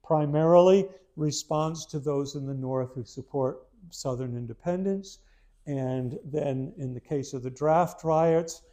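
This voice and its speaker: A man's voice: on the high side, unhurried, mellow. A man giving a literature lecture to a small live audience, talking in a conversational, self-deprecating way with frequent restarts. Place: room in a historic house with a live audience.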